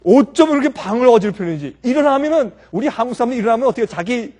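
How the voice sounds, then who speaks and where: Pastor, male, preaching; quick delivery, lots of rhetorical questions and little acted scenes. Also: extremely high pitch. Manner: lively, acts out everyday scenes and quotes. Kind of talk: sermon.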